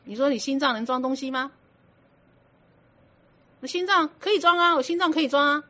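A Buddhist teacher's high-pitched, bright, forceful voice moves a little fast through a dharma talk. Her manner is firm and instructive but conversational, and she keeps asking her students rhetorical questions while explaining. The lo-fi recording sounds muffled.

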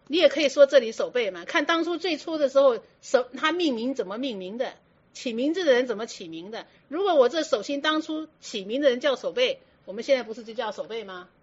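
A woman's voice: high voice, expressive, a little fast, husky. A woman teaching a Buddhist sermon, often asking her listeners rhetorical questions. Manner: asks many rhetorical questions. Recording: dull lo-fi recording.

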